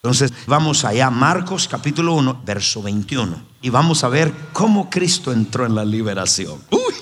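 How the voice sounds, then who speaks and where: A man's voice: mid-range voice, sing-song, normal speed, a little hiss or hum. A man preaching a sermon as pastor, emphatic and repeating his phrases. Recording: long hall reverb.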